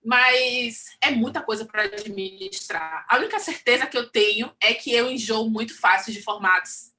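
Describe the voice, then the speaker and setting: Brazilian woman comics artist, bright tone, rambling self-mocking panel chat. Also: fairly high pitch, lively intonation, normal speed. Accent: Brazilian Portuguese.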